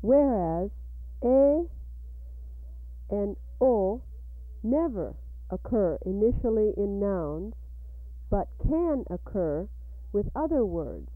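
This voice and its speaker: A woman's voice: medium pitch, big pitch swings, dry recording, phone-quality sound. Woman narrating on an old tape recording. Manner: measured, deliberate reading. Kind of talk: scripted educational narration.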